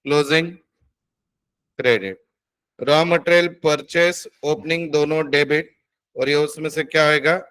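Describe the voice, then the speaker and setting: Man, accounting tutor, fairly high voice, quizzing students. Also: steady tone, measured pace, long pauses, fairly bright tone, clear, resonant tone. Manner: coaxing, addresses students as beta, quizzes them. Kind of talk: classroom teaching.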